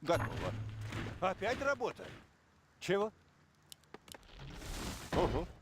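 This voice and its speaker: An actor playing a simple, put-upon peasant worker in a video game, whiny and servile. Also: male voice, high voice, wildly swooping pitch, slow, full character voice. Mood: grumbling, servile. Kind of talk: video game unit voice lines. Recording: faint noise and clicks behind.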